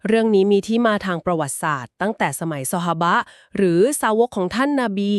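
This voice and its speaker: A woman co-hosting a podcast, calmly and patiently explaining things step by step. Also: medium pitch, fast, no room sound, clean studio sound. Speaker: podcast co-host explaining Quran etiquette.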